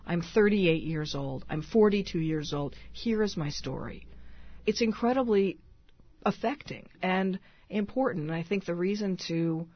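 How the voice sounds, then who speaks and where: Woman author guest, radio interview; husky and somewhat low, thoughtful, hesitant phrasing. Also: a little slow, no echo. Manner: thoughtful, many restarts and fillers. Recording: dull lo-fi radio sound.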